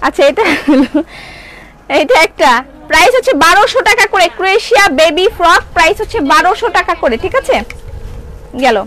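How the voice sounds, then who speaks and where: A middle-aged woman with a Bangladeshi Bengali accent hosts a live-stream clothes sale for her online shop, chatting and replying to viewer comments. Her very high, slightly bright voice has lively intonation and moves a little fast with long pauses, over slight background noise and a rough recording.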